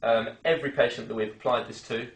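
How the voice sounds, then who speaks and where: A man's voice: mid-range voice, steady tone, fast, distant mic, lightly acted. Boastful, breezy male consultant played by a young actor for spoof interview, recorded off mic in echoey room. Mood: smug pitching. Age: young adult. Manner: breezy, self-satisfied.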